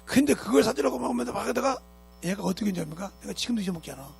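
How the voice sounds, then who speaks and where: A male pastor preaching in a church with a raspy, gravelly voice. His pitch sits high and swings widely as he scolds and drives his points home with rhetorical questions. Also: lively intonation, rapid-fire, darkish tone, soft background music. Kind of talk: sermon. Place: church sanctuary.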